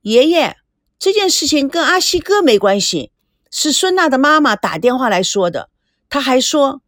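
Headstrong teen girl, voiced by a woman storyteller, high and bouncy, insistent and pouting. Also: sing-song, normal speed, no room sound, clean studio sound. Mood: wilful, pleading. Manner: insistent, pouting, sharp outbursts. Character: teenage girl, headstrong, willful, theatrical.

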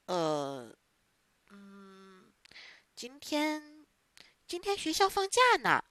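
A woman voicing a frightened wooden puppet boy in a storybook reading, high and pleading, often crying out. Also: huge pitch swings, extremely slow, fairly bright tone, dry recording, heavily acted. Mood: hesitant.

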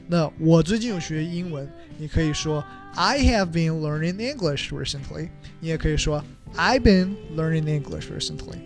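Brief: male podcast host, fairly high voice, friendly teacher tone, soft music underneath. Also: expressive, moderate pace. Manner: chatty, asks listeners "right?", switches between Chinese and English examples. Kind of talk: casual teaching, explaining English words.

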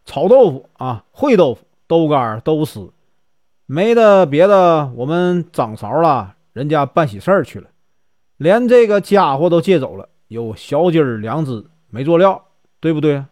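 A man's voice: fairly high pitch, sing-song, normal speed, darkish tone, dry recording, clean studio sound. A man voicing a scruffy, eccentric wandering monk who teases and mocks the people around him, in a told folk story. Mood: teasing. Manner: mocking, playful back-and-forth.

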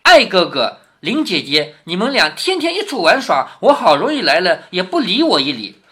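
A man's voice: high-pitched, wildly swooping pitch, moderate pace, pushed and bright, breathy edge, full character voice. A man voicing a blunt, tomboyish young noble girl from a classic novel. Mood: teasing complaint.

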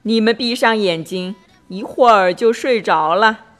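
A woman's voice: mid-range voice, a little slow, faint music behind, lightly acted. A woman voicing a patient, sleepy male barnyard friend who soothes the little ones to sleep. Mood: soothing. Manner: calm, soothing, yawning.

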